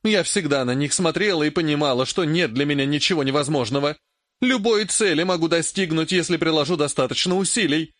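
A man reading an audiobook, voicing a furious, grasping old woman mage in a raised, shrill, scolding voice. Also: brisk, no room sound, studio quality. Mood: grumbling menace. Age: older.

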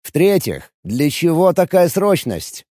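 An agitated red-haired violinist, as a male reader puts him on, raised and lively in pitch, firing off pressing, sarcastic questions. The audiobook voice sits dry and close to the mic, with a mellow, darker tone underneath. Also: takes it slowly, no room sound. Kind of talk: audiobook dialogue reading.

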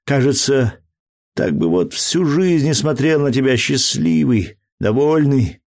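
A man's voice: mid-range voice, sing-song, unhurried, darkish tone, no room sound, studio quality, voice pushed up. A man reading as an earnest young lover. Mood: fervent. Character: young man deeply in love, earnest and emotional. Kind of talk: audiobook character reading.

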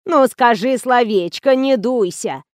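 A woman's voice: on the high side, slow pace, no room sound, studio quality. A woman voicing a half-deaf, muddled old actress who pleads and fusses in a cracked, wheezing voice, in an audiobook. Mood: pleading.

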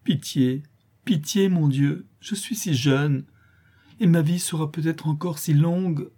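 A despairing young woman begs for pity in a storybook reading, as a man reads her part. Her voice stays dark and husky, anguished and pleading. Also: mid-range voice, steady tone, normal speed, lightly acted.

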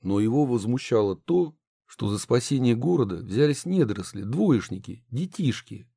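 A man narrating an audiobook in an expressive storytelling manner. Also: mid-range voice, normal speed, gravelly, husky, dry recording, clean studio sound.

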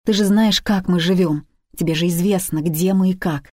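A woman's voice: fairly low pitch, fairly even intonation, normal speed, darkish tone, breathy edge, dry recording, clean studio sound. A woman reading the part of a desperate daughter around thirty who pleads urgently and emotionally with her mother in a story. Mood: pleading.

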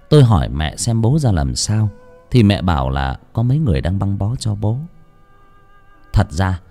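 Casting: male audiobook narrator, very lively pitch, tense first-person horror telling, faint music underneath. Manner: dramatic, tense storytelling. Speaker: storyteller.

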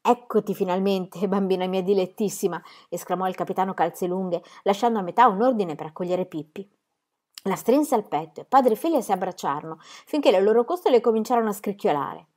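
A woman reading a children's storybook aloud in a calm, expressive narrating voice. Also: medium pitch, a little fast. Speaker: reader.

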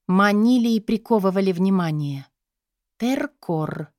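A woman reading an audiobook in a measured, expressive way. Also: lowish voice, dry recording, studio quality. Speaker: narrator. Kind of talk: audiobook narration.

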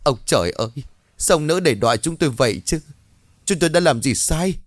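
A man's voice: medium pitch, animated, a little fast, dry recording, clean studio sound, pitched above the performer's own voice, lightly acted. A man voicing an older mother who frets and questions her son in a story. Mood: lamenting. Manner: fretful, questioning. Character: older woman, worried anxious mother.

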